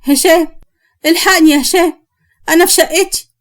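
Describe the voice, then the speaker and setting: A woman's voice: high-pitched, fast, lightly acted. A woman with an Egyptian accent voicing a young wife who swings between a cold, threatening side and a frightened one, in a spoken story. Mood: panicky. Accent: Egyptian Arabic. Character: young wife with a cold, fierce second self.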